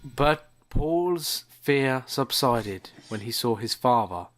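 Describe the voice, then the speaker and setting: A man with a medium-pitched, expressive voice hosts a comedy podcast and narrates like a radio play, taking things slowly. He shifts between casual banter and mock-dramatic storytelling.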